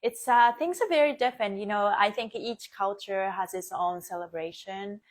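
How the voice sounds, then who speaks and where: A woman born and raised in Japan hosts a casual live stream on a phone or webcam, chatting away with frequent laughs and plenty of fillers. Her voice is medium-pitched at a normal speed.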